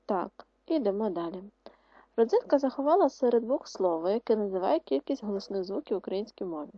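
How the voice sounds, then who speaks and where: A woman teacher giving an online lesson to second graders, speaking slowly and clearly and sounding out vowels one by one. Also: mid-range voice, expressive, dark tone, no room sound, muffled recording. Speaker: primary school teacher.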